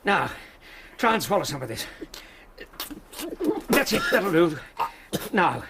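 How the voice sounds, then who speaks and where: A genteel Victorian English doctor in a radio play. The delivery is kindly and a little puzzled, with lively swings of pitch. Clear noise and clicks sit behind the voice. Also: male voice, takes it slowly, exaggerated voice. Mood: calm, attentive. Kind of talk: radio drama acting.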